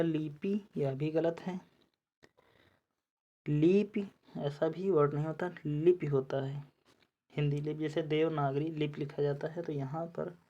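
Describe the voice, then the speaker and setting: A woman teacher with a low, mellow voice talks through exam spelling questions at an unhurried pace. She repeats each word as she checks it, moving methodically from option to option. The recording is slightly dull and lo-fi. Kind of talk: explaining spelling quiz answers.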